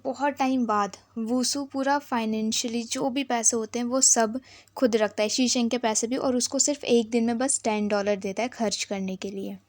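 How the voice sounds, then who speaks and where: A woman's voice: on the high side, dry recording. A woman casually retelling a drama episode, reading the characters' lines in her own voice. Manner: retells the scenes and reads each character's dialogue in her own voice. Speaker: drama recap narrator.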